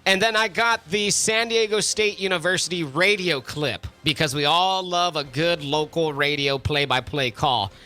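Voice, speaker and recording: A man hosting a sports radio talk show, upbeat and quick as he steers the segments from a studio microphone. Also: high-pitched, bright, forceful tone. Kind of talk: casual sports radio chat.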